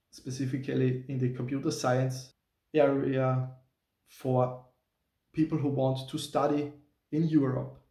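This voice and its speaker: A man in his thirties from Austria, a software engineer and channel host, talks to camera in a casual vlog. A native German speaker with an Austrian German accent, he picks his way through English with hesitations and small restarts. His voice is warm and medium in pitch, recorded roomily from a distant mic.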